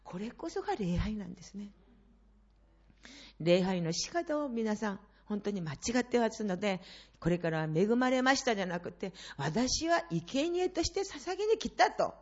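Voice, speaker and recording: A middle-aged woman preacher giving an impassioned sermon to a congregation, swinging between hushed and loud passages. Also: mid-range voice, animated, normal speed. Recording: slightly dull lo-fi sound.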